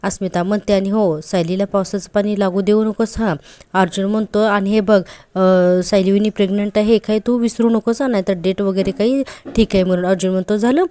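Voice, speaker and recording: A woman with a steady, warm, mid-range voice and a brisk pace recaps a TV serial episode casually. She chats along, voices the characters' lines herself and throws in admiring asides.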